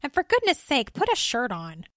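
A disapproving middle-aged woman on a train, put on by a woman storyteller scolds in a raised, indignant, higher voice. She sounds prim and offended, her tone lifted well above an ordinary speaking level. This is a storybook figure in a read-aloud tale. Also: wildly swooping pitch, normal speed, a bit bright, no room sound, clean studio sound. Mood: indignant scolding.

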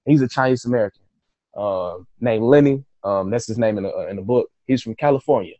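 Guy telling his story on a podcast, dark mellow voice, swears a lot, acts out his own lines, dead dry sound. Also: lowish voice, fairly quick, no room sound, lo-fi sound. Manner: loose, profane storyteller who acts out his own quoted thoughts. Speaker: author guest. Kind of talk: casual storytelling interview.

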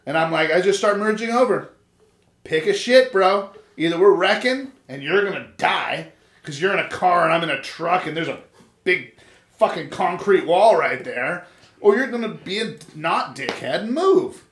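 Brief: high-voiced man, crude and profane, laughs a lot, echoey room. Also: lively intonation, normal speed, a bit bright. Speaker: podcast co-host. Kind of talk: casual chat.

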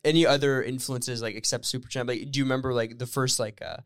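A man hosts a podcast, chatting easily and nudging his guest along with quick yeahs. His voice is mid-pitched, clean and crisp. The sound is dry and close to the mic. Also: steady tone, dry recording. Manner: encouraging, frequent short affirmations and laughs. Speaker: podcast host. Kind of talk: casual interview chat.

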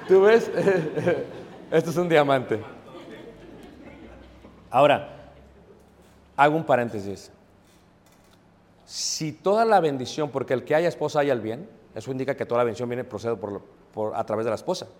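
A man with a Mexican accent preaching a sermon, conversational and lively, often asking the congregation questions. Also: medium pitch, unhurried, pauses often. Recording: long hall reverb.

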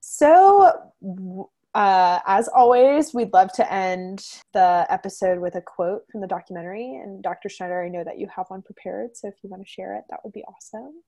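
A woman's voice: mid-range voice, moderate pace, mellow. A young woman co-hosting a podcast, bubbly and effusive as she thanks her guest. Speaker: podcast co-host. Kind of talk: podcast interview.

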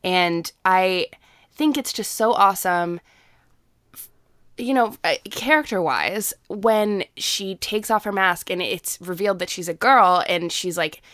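A woman's voice: mid-range voice, a little slow, a bit bright, no echo, clean studio sound. A young woman co-hosting a podcast, talking enthusiastically and gushing, with many fillers. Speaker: podcast co-host. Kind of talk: casual fan discussion.

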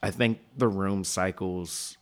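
A man with a deep voice hosts a relaxed interview. He talks in halting, hesitant phrases and gropes for his words. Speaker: podcast host. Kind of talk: casual interview chat.

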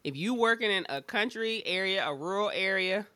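Woman, Southern US accent, drawl, bright sharp voice, mid pitch, blunt, emphatic, sweary, candid podcast chat, dry sound. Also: expressive, normal speed, no echo. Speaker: schoolteacher.

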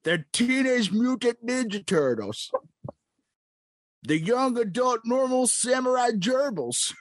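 A man voicing a boastful, cantankerous old male prospector in an improvised comedy bit, drawling slowly and self-importantly, clearing his throat between lines. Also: extremely high pitch, very animated, dry recording, pitched above the performer's own voice, exaggerated voice.

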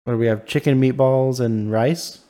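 A man's voice: medium pitch, steady tone, moderate pace, warm tone. A man co-hosting a podcast in casual chat, hesitant and full of filler words. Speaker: podcast co-host.

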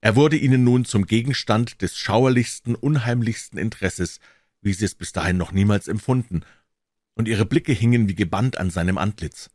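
A man reading a novel aloud as an audiobook narrator, telling the story in an expressive, dramatic way. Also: on the low side, normal speed, no echo, studio quality.

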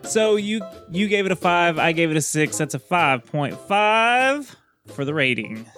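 A man's voice: on the high side, animated, a little slow, a bit bright, faint music behind. A young man co-hosting a podcast, upbeat and steering the casual conversation. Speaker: podcast co-host.

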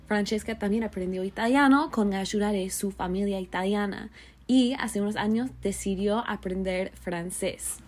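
A woman hosting an interview, delivering her narrated links and questions in smooth, prepared phrasing. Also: mid-range voice, moderate pace, a little mellow. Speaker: interviewer and show host. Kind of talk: podcast interview with narrated segments.

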